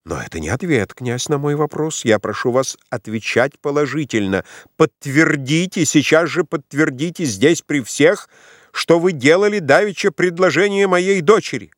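A man's voice: on the high side, lively intonation, moderate pace, no echo, studio quality, voice pushed up, lightly acted. A man reading an audiobook, voicing an imperious middle-aged mother who is demanding, insistent and exasperated. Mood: indignant.

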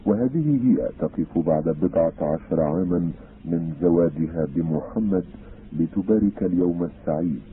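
A man narrating an audiobook in a formal, measured reading style. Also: low voice. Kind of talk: scripted narration. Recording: tinny phone-like sound, faint hiss.

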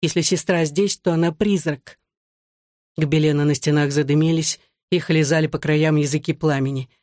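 Measured first-person audiobook narrator. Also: medium pitch, fairly even intonation, a little mellow, dry recording, studio quality. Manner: measured, phrase-by-phrase reading.

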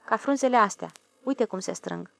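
A woman's voice: medium pitch, animated, gravelly, fairly bright tone, no room sound, heavily acted. A woman reading aloud and voicing a know-it-all boy ringleader who explains things in a scornful, lecturing way.

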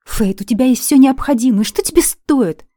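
A woman's voice: sits high, normal speed, dark tone, dry recording, clean studio sound, pitched above the performer's own voice. Woman doing a panicky hysterical male elf. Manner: agitated, pleading, breaking into hysteria.

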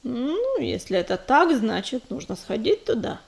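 A steady young tomcat warrior from a storybook, speaking low and measured, never rattled, as a woman reader lowers her voice for him. He sounds calm and sensible. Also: creaky. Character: young male warrior cat, calm and level-headed.

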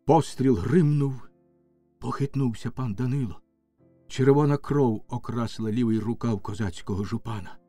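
A man narrating a classic tale in a dramatic, measured storytelling manner. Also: mid-range voice, warm tone, dry recording, faint music behind.

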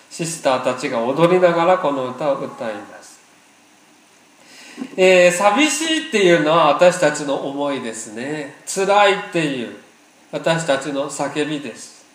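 A man preaching a sermon as pastor, earnest and emphatic, repeating phrases for weight. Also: a little high. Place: church hall. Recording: roomy echo.

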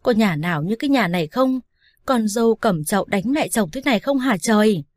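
A woman's voice: mid-range voice, lively intonation, a little fast, darkish tone, dry recording, close to an everyday voice. Bitter old mother-in-law as a woman reads her, nagging and whiny, dry close sound. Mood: wailing. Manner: scolding, whining. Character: angry, shrill older mother-in-law, loud and quarrelsome.

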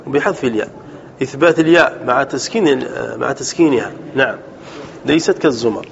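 A sheikh teaching a grammar lesson, explaining slowly and deliberately, repeating points and correcting himself as he goes. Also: high voice, fairly bright tone. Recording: dull lo-fi recording with faint background noise.

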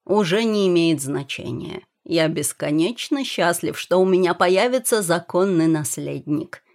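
A woman's voice: fairly low pitch, lively intonation, a little slow. Brief: woman reading an imperious young prince, hot-tempered, barks orders. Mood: earnest. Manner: commanding, shouting. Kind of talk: audiobook character voice.

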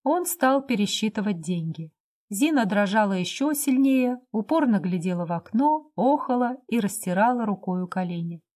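A woman narrating a classic novel as an audiobook in a measured, expressive reading style. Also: medium pitch.

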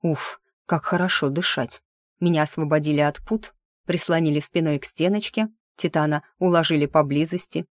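A woman's voice: low-pitched, steady tone, moderate pace, dry recording. A woman reading a first-person audiobook in a wry, sardonic inner-monologue manner, close to the mic. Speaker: audiobook narrator.

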